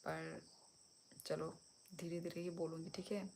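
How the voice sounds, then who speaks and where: A young woman hosting a casual livestream, speaking softly so as not to disturb neighbours at night while answering viewer comments. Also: lowish voice, level tone, a little slow, a little hiss or hum. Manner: switches between Hindi and a local language, reads and answers viewer comments. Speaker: livestream host. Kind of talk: casual live chat.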